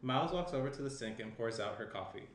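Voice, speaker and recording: At a screenplay table read, a young man voices the stage directions as narrator, animated and at a quick pace in a medium pitch. He reads from a tablet while seated in an indoor room, recorded by a shared desk mic at some distance with roomy echo and faint background noise.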